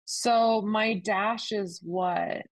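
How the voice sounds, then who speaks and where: A woman's voice: mid-range voice, steady tone, very slow, poor audio. A woman playing a tabletop game, thinking aloud with fillers and hesitations. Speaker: player. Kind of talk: tabletop game play, casual.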